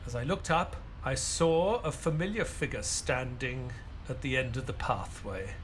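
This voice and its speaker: An actor playing Dr. Watson, an earnest Victorian gentleman doctor, in a measured, dramatic audio play style over background ambience. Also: medium pitch, slight background noise, lightly acted. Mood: sombre narration.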